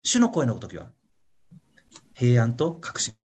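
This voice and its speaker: Lively, husky-voiced man preaching casually. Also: mid-range voice, takes it slowly. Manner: chatty, keeps adding a questioning "ne" tag; playful, acts out little voices for examples. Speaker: pastor leading a Bible study. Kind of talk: casual teaching sermon. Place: online meeting with a congregation.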